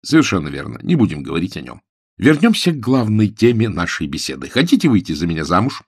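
Male reader playing an impulsive young suitor, eager and insistent, husky and very animated. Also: low voice, fast talker, no echo, studio quality, heavily acted. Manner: eager, insistent, repeats himself. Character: ardent, impulsive young man in love.

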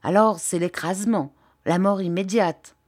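A woman's voice: lowish voice, unhurried, a little mellow. Woman voicing a blunt, wry woman adventurer. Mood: warning.

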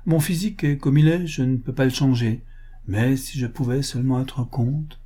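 A man's voice: mid-range voice, fairly even intonation, moderate pace, warm tone, voice pushed up, natural voice. A man reading the part of a crude, greedy rich upstart with a blunt, boastful way of talking. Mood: blustering.

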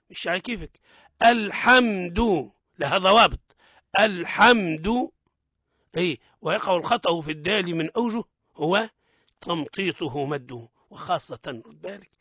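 Bright-voiced man with a Tunisian accent. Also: sits high, lively intonation, breathy edge, dry recording. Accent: Tunisian Arabic. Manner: corrective and instructive, drawing out example words slowly. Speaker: Quran recitation teacher. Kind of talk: radio recitation lesson. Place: radio studio. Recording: dull lo-fi radio broadcast.

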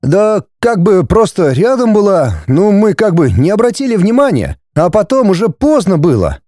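A man's voice: high voice, very animated, normal speed, mellow, no room sound, studio quality, pitched above the performer's own voice. A man voicing a sullen teenage boy in an audiobook, who mumbles his excuses sheepishly.

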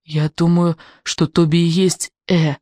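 A reader voicing a frightened teenage girl who pleads in a hushed, trembling voice. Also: medium pitch, little pitch movement, a little slow, dry recording, clean studio sound, lightly acted.

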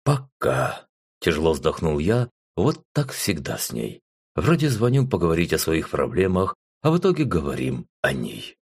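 A man's voice: rumbling low, huge pitch swings, normal speed, darkish tone, husky. A man reading a first-person fantasy audiobook in a wry, sighing tone. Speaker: audiobook narrator.

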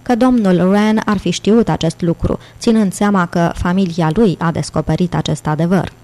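A woman's voice: on the low side, mellow, close to an everyday voice. Suspicious young altar boy, voiced by a woman. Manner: curt, suspicious.

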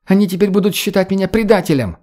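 A male narrator puts on a defiant young redheaded woman in this audiobook, her voice pushed high above his own. She talks in a mocking, sharp-tongued way, and the tone stays mellow and soft-edged. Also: brisk, lightly acted. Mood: indignant. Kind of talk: audiobook character voice.

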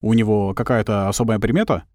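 A man voicing a young male agent in his twenties who asks plain, earnest questions at an unhurried pace. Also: fairly low pitch, fairly even intonation, darkish tone, no echo, clean studio sound, natural voice. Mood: curious.

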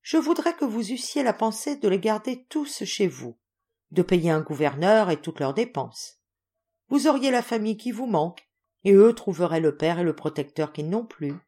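A woman voicing a kind, thoughtful male officer who speaks in a measured and respectful way. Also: medium pitch, expressive, warm tone, natural voice. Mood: amused.

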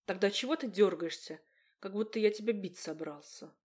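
A woman reading a gruff, protective young man. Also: medium pitch, moderate pace, a little mellow, close to an everyday voice. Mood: demanding. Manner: curt, growling demands. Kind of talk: audiobook character voice.

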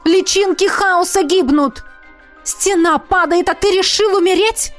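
Woman voicing Miranda, a sharp young necromancer. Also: high-pitched, animated, moderate pace, soft background music, voice pushed up. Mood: impatient. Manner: sharp, snapping. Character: young necromancer woman, stubborn, frightened, impatient.

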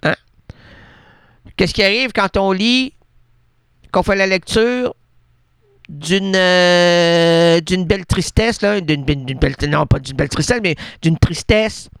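A man's voice: takes it slowly, long pauses, a bit bright, clear, resonant tone, dry recording, clean studio sound. A man with a Québécois French accent, hosting a radio show and delivering a rambling, absurd comic monologue full of wordplay. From Quebec. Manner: rambling, absurd wordplay, playful with sudden pitch jumps. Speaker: radio host.

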